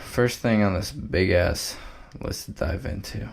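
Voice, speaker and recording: A man's voice: on the low side, a little slow, gravelly. A young man, hosting a solo podcast in a loose, rambling, profane way. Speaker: podcast host.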